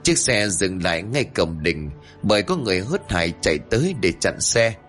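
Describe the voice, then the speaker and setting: A man narrates a story in a low voice with a lively, swinging delivery. He tells it dramatically. Soft music plays faintly beneath him. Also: moderate pace.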